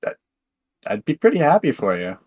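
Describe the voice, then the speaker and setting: A man's voice: a little high, huge pitch swings, normal speed, darkish tone, breathy edge. A young man chatting easily with a friend. He is agreeable and hedges his points, stumbling and repeating words as he gets going. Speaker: co-host. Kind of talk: casual chat.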